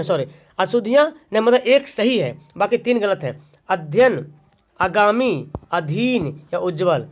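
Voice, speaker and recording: A man teaching an online exam-prep grammar lesson, asking questions and answering them himself. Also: sits high. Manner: drills by asking and answering his own questions. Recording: dull lo-fi recording.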